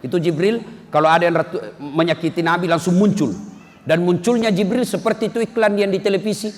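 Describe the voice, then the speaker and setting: A man preaching an animated sermon who keeps turning to address his listeners directly. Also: sits high, fairly quick. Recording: long hall reverb.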